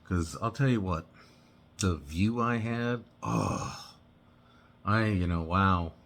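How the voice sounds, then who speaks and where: A man casually telling a personal story, halting and rambling with many restarts and "you know"s. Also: sits low, a bit bright.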